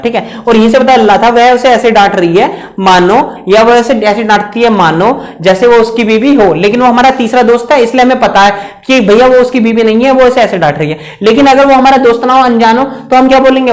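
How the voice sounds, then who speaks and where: A male teacher explains grammar in a steady classroom lecture. He keeps asking rhetorical questions and answering them himself, and he drags out the English example sentences word by word. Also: extremely high pitch.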